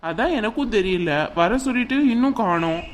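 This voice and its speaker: A woman's voice: a little high, animated, a little fast, heavy background noise, natural voice. A woman voicing a firm but caring uncle in a cartoon family drama. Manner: firm, reassuring.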